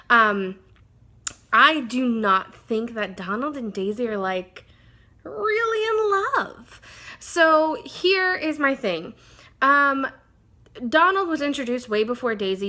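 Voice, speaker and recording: A woman's voice: a little high, pushed and bright. A woman vlogger talking casually to camera in a chatty, rambling way that often goes off on side tracks.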